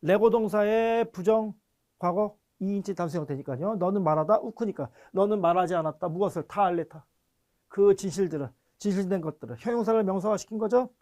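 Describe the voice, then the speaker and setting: Here a language teacher speaks in a warm, high-pitched voice during an online grammar lecture. Step by step he explains, regularly making sure students understand, and reads any foreign words deliberately and unhurriedly.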